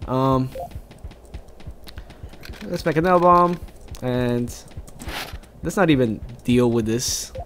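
A man's voice: medium pitch, slow, pauses often, a bit bright, slight background noise. A young man from South America giving jokey, rambling let's play commentary while he plays. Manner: rambling, jokey, talks to himself.

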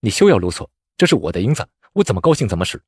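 A man voicing a calm, upright male scholar who speaks in a low, measured and firm way. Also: slightly rough, dry recording, studio quality.

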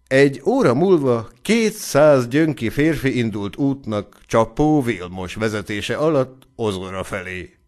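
Expressive male audiobook narrator. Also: mid-range voice. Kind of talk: scripted narration.

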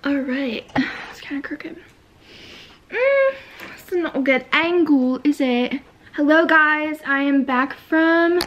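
A woman's voice: sits high, a little hiss or hum. A woman chatting casually to camera in a day-in-my-life vlog, bubbly and full of "like" and "um". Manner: bubbly, chatty, filler-heavy with "like" and "um". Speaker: vlogger.

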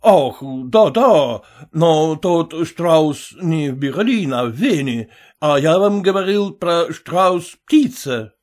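A polite foreign porter speaks slowly and haltingly, in broken phrases, as a male narrator puts him on. He stays patient and calm, and his voice sits fairly high. This is a storybook reading.

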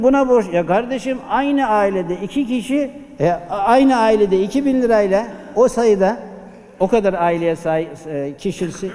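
Delivering a Friday sermon into a pulpit microphone, a man presses his congregation with rhetorical questions. His voice is high yet dark in tone, ringing with a long hall reverb.

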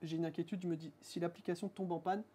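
A man's voice: on the high side, flat delivery, quick pace, dark tone. A man in his thirties hosting an interview, asking long, chatty questions hedged with fillers, recorded in a workshop studio on a lapel mic. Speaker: interviewer, host. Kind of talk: casual interview. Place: dim motorcycle workshop studio.

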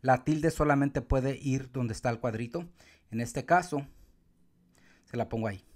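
A man teaching Spanish accent rules step by step, sometimes calling out words loudly to show where the stress falls. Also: medium pitch. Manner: calls out words loudly to show the stressed syllable, counts syllables slowly. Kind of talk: explaining accent marks step by step.

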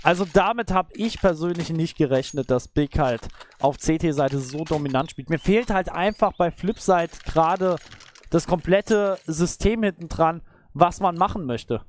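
A man's voice: fairly high pitch, measured pace, slight background noise. A man commentating live on a shooter match as an esports caster, in speech. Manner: esports caster delivery, analytical, exclaiming at big plays. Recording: game gunfire and clicks behind voice. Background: video game gunshots.

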